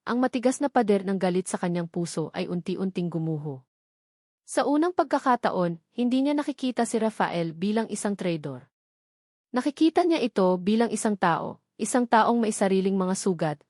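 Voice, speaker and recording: A woman with a Filipino accent narrates a scripted romance story dramatically. Her voice is medium-pitched and a little mellow, captured at studio quality with no echo.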